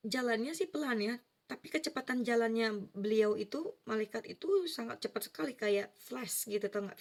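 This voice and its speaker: A woman's voice: medium pitch, gravelly, a little mellow. A woman telling a personal spiritual story in earnest, casual first-person testimony, with vivid detail and easy fillers. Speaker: vlogger sharing a personal story.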